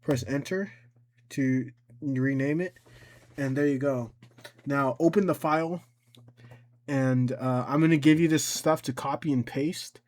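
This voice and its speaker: This tutorial host, speaking in a mid-range voice, casually demonstrates software with no script. He narrates his thoughts in real time, pausing haltingly and correcting himself often.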